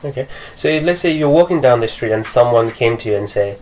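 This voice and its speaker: A man's voice: medium pitch, lively intonation, fast talker, a little mellow, low-quality recording. A young man hosting a podcast, asking a guest questions attentively in a living room and backing him up with frequent murmurs. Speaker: podcast host. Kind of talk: interview questions. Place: living room with leather sofas.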